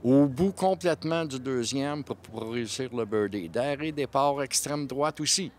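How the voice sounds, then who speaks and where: A man's voice: medium pitch, normal speed, a little hiss or hum. A man with a Quebec French accent giving analytical live colour commentary on mini-putt, explaining shots and scores.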